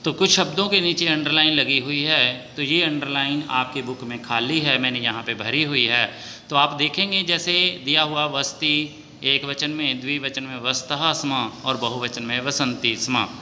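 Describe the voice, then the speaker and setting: A man teaching a Sanskrit lesson, reading questions and answers aloud in a methodical, drawn-out recitation. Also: medium pitch, fairly even intonation, bright, forceful tone. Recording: long reverb, faint noise.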